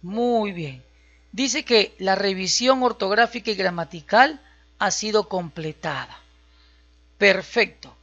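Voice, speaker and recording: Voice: medium pitch, takes it slowly, fairly bright tone. Tutor doing a screen recording lesson, step by step, mid voice, kinda muffled lo-fi sound. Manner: step-by-step, checks in with listeners. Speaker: computer skills instructor. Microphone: voice-over on a screen recording. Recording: slightly dull, lo-fi audio.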